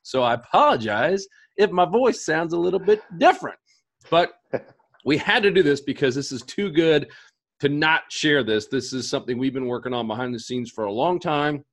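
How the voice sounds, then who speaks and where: Over a headset and studio mic, an energetic man in his thirties hosts an excited livestream pitch in a home office. He speaks quickly and gestures a lot, his voice hoarse from allergies.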